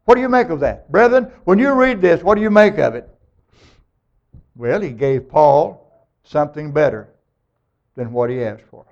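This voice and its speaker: A man preaching a sermon, emphatic and animated, acting out the people of scripture as he tells them. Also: fairly high pitch, moderate pace, pauses often. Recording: dull lo-fi recording.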